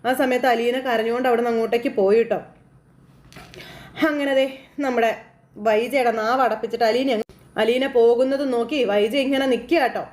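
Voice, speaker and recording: A woman casually retelling a TV serial episode in a chatty, animated way with frequent asides. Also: on the high side, brisk, long pauses, roomy sound. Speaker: serial recap narrator.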